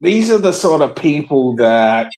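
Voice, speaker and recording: A man's voice: a little high, big pitch swings, a little slow, a little mellow, poor audio. A man hosting a casual podcast chat, rambling and hesitant with many fillers and frequent laughs. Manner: laughs often. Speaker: podcast host.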